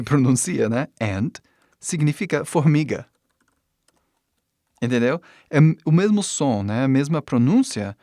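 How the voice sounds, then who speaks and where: A man in his forties, a native English speaker, giving an online language lesson with patient explanations, slowly repeating words and often checking in with short tag questions. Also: mid-range voice, a little mellow, no echo, clean studio sound. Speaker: English teacher.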